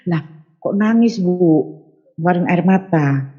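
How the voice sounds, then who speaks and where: Husky woman telling a story. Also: expressive, a little slow, dark tone, dull audio. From Sundanese region of West Java, Indonesia. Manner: acts out quoted voices with big jumps in pitch. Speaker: guest giving a testimony. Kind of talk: animated personal storytelling.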